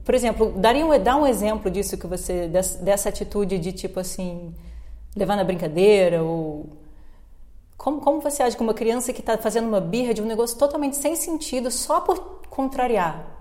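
A woman's voice: medium pitch, expressive, a little fast, dark tone. A woman with a Brazilian Portuguese accent co-hosting a casual podcast chat, asking questions and telling anecdotes as she thinks aloud. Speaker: co-host.

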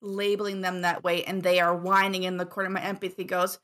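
A woman's voice: lowish voice, flat delivery, fairly quick, fairly bright tone. A woman guest asking for advice, thinking aloud hesitantly with many restarts. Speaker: caller seeking advice. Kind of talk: casual conversation.

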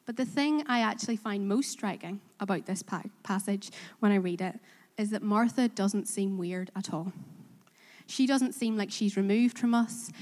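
Her medium-pitched, darkish voice fills a reverberant hall as she delivers a sermon in a Belfast church. She has a Korean accent and is earnest yet self-deprecating, questioning the congregation along the way.

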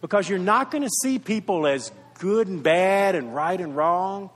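A man preaching a sermon as pastor, earnest, rising to loud emphasis and then dropping to soft, intimate tones. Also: high voice, expressive, normal speed. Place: church sanctuary. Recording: long reverb of a large church hall.

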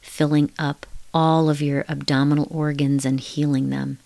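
With a low, level, gravelly voice, a woman talks the listener through hypnotic relaxation using a slow, hushed countdown. Her lines repeat in a gentle, lulling rhythm, and there is no echo.

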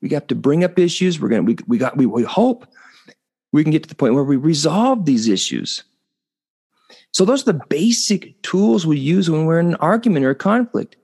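A man's voice: on the high side, very animated, normal speed, darkish tone, breathy edge. A man hosting a solo relationship podcast, explaining in an earnest, teaching way and often restarting and repeating words mid-sentence. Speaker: podcast host.

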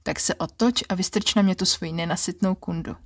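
Woman doing a bossy rough man, commanding and harsh, husky low tone, dry close sound, erotic audio story. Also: no room sound. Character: domineering adult man, rough ex-lover.

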